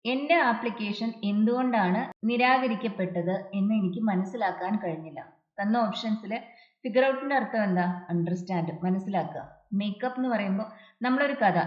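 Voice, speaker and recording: The sound is dull, muffled, and echoey, as if recorded in a room, while a woman tutor gives an exam prep lesson. Speaking at a middle pitch, she works through grammar one point at a time and reads English example sentences with slow deliberation.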